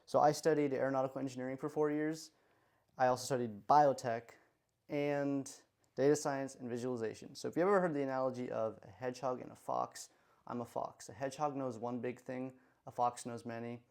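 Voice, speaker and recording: A man in his twenties co-hosting a podcast, calm and reserved, speaking in a monotone. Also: mid-range voice, brisk, vocal fry. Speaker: podcast co-host. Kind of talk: casual podcast chat.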